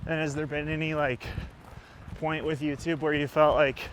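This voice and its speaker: A man asking questions in a casual, slightly halting conversational way, as an interviewer outdoors. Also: a little high, little pitch movement, background noise.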